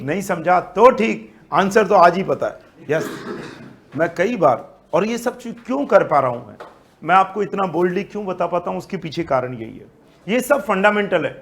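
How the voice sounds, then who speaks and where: A male statistics teacher, lecturing an online class, lively and asking then answering his own questions. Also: high voice, creaky. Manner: mixes Hindi with English terms.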